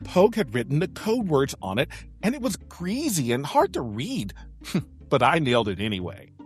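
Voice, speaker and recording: A woman acting a lead in an audio drama, dramatic and theatrical, swinging between deadpan and excited. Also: low voice, moderate pace, soft background music.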